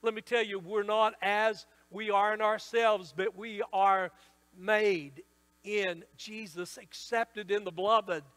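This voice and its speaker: Give me a slow, high-voiced middle-aged man preaching a sermon, with a long echo from the church hall. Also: fairly even intonation, a bit bright. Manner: emphatic preaching with slowed, stretched phrase endings. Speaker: pastor. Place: church sanctuary.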